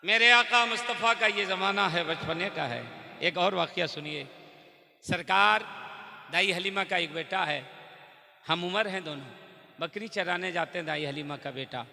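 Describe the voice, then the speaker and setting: High gravelly preacher in a hall. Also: male voice, measured pace. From Bihar, India. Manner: dramatic storyteller who swings from low narration to loud exclamations. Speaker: Islamic preacher. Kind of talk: religious sermon with storytelling. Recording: long reverb in a large hall.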